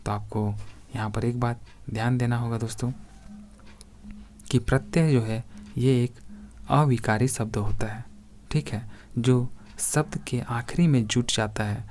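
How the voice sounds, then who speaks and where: A man's voice: medium pitch, darkish tone, slight background noise. A man teaching a grammar lesson for exam preparation, reading out word examples one by one and addressing viewers as friends.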